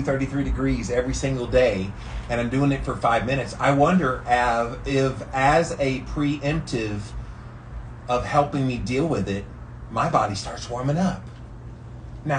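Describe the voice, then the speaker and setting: An American man doing a daily challenge vlogs from ice-cold water at a measured pace, his voice mid-range. His talk is casual, enthusiastic, rambling, slangy and emphatic, and a distant mic catches faint background noise.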